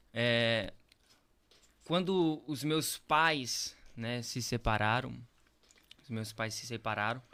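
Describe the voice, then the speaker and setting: A man's voice: medium pitch, a bit bright, clean tone. A young Brazilian man, a pastor, telling his faith story in an earnest, repetitive way full of tag questions. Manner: earnest, repeats phrases, frequent tag questions. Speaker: pastor, podcast guest. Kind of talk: casual testimony chat.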